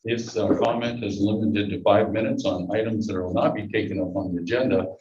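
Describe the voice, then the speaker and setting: A masked man runs a public board meeting's agenda with dry asides, his voice muffled, on the low side and a little mellow. His intonation stays fairly even and his pace fairly quick. The meeting room audio is dull, echoey and recorded from afar.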